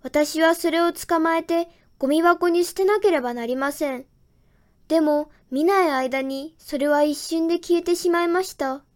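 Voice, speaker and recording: A woman's voice: extremely high pitch, moderate pace. A woman reading a children's story aloud in the first person, in a plain storytelling manner. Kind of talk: scripted children's story narration.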